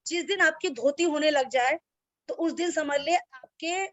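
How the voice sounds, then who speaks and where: A woman yoga teacher talks to her students over a video call in a high, slightly slow voice, with no room sound. She is blunt and straightforward and calls herself strict. The dull, lo-fi call audio carries her online class talk.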